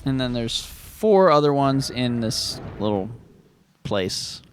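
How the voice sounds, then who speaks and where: A man's voice: medium pitch, sing-song, slow, a little hiss or hum. A man live streaming a video game, giving playful, chatty, casual commentary.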